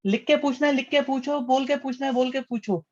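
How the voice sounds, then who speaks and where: A man's voice: extremely high pitch, steady tone, a little fast, highs cut off. A man teaching maths in a live online class. He calls students "beta," reads out their names, praises their answers and repeats his questions back to them.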